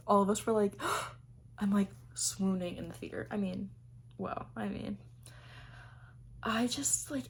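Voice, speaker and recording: Young woman rambling about her faves, super gushy, lots of likes, bit of faint noise behind. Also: medium pitch. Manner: gushing, rambling, lots of fillers. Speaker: vlogger. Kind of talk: casual year-favorites chat.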